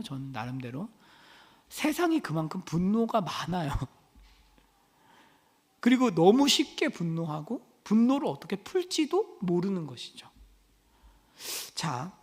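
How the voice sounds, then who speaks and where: A man's voice: a little high, darkish tone, slightly rough. A male pastor leading a casual Bible study sermon, chatty, acting out small dialogues and putting questions to his listeners. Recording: long church hall reverb.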